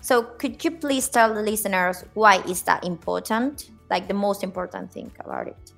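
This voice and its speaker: A woman's voice: mid-range voice, sing-song, vocal fry, a bit bright, soft background music. Formal woman hosting an interview podcast. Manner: formal, slightly halting delivery with repeated words. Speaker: podcast host.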